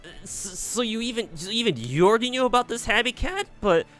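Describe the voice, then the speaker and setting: Man voicing a flustered, high-pitched young woman. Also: expressive, brisk, a bit bright, soft background music. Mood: flustered, indignant. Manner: stammering, indignant.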